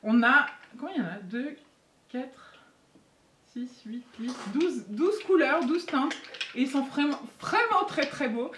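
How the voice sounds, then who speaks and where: A woman chatting excitedly and giggling as she unboxes makeup for her beauty vlog. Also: sits high, unhurried. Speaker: beauty vlogger. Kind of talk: casual unboxing chat. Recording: echoey room, faint noise.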